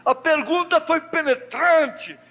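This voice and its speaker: A male pastor preaching a sermon, swinging between soft low talk and high fervent cries, with a Brazilian Portuguese accent, recorded in a church. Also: takes it slowly, lo-fi sound. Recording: echoey church hall recording.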